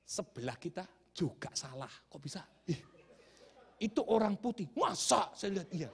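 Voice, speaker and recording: Male pastor from Java, Indonesia, very high and animated, comic sermon storytelling in a reverberant church hall. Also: moderate pace, gravelly, slightly rough. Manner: animated, swings from shouted hallelujahs to hushed asides. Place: church sanctuary.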